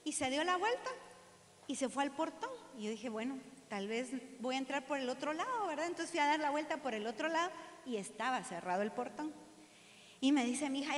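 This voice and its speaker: High-voiced Guatemalan woman preaching in a hall. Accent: Guatemalan Spanish. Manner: storytelling, animated, acts out the dialogue. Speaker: pastor. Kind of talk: sermon. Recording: echoey hall.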